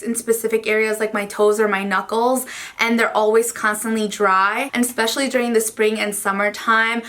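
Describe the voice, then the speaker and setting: A young beauty vlogger whose first language is Spanish talks earnestly to camera about herself. Her voice sits on the high side and sounds a bit bright, and she uses "like" a lot in this casual vlog.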